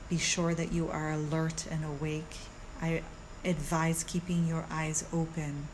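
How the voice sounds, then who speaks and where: A woman who teaches meditation guides a mindfulness practice in a soothing, gentle way, with measured pauses, like a calm yoga teacher. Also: sits low, a little hiss or hum, rough recording. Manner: unhurried, measured, with long pauses.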